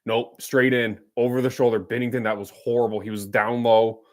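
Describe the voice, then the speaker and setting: A man's voice: mid-range voice, flat delivery, fairly quick. Chatty man calling hockey. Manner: chatty, teasing, jumps between play-by-play and banter. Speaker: watch-along streamer. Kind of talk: casual live hockey commentary.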